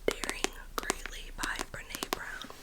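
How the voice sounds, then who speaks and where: A woman doing a whispered role-play as a librarian, speaking in a soft, breathy library whisper with a gentle, unhurried manner. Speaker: librarian in a role-play, recommending and checking out books.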